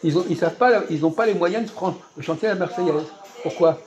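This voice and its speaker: A man hosting a casual, teacherly chat in a fast-food restaurant, quizzing his guest with repeated questions and sudden bursts of emphasis. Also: sits high, darkish tone, highs cut off.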